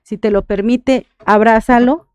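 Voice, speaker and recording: Mexican lady grief expert on the radio, kinda high voice, keeps asking "right?". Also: moderate pace, warm tone, clear, resonant tone, no echo. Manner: earnest, checks in with frequent "right?". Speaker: thanatologist guest. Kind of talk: radio interview advice.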